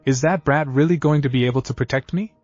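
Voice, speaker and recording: A man's voice: medium pitch, fast talker, a little mellow, no echo, highs cut off, soft background music, natural voice. Blunt old bridge builder, read by a man. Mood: gruff.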